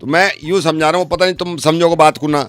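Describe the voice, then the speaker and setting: A man playing a rustic villager on a prank call, rambling on excitedly about his wife. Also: a little high, fast talker, clear, resonant tone, soft background music. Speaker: prank caller.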